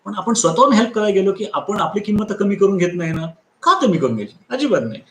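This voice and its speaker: A man's voice: sits high, quick pace, echoey room. A man giving a live motivational lecture, telling stories, acting out the people in them and repeating key lines for emphasis. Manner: animated storyteller who acts out quoted people. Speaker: motivational speaker and trainer.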